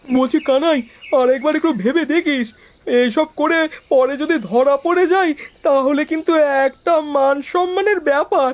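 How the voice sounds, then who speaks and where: A man's voice: very high-pitched, normal speed. A man voicing a nervous young village man in a cartoon, speaking in an anxious, pleading way. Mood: worried.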